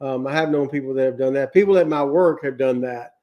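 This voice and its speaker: A tired man chatting casually as co-host of a livestream, easygoing and quick with a "yep". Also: mid-range voice, highs cut off. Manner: easygoing, says yep a lot. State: tired, yawning. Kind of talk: casual chat.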